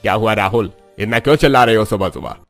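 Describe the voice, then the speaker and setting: A man voicing a calm, reassuring father-in-law. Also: on the low side, fast talker, faint music behind.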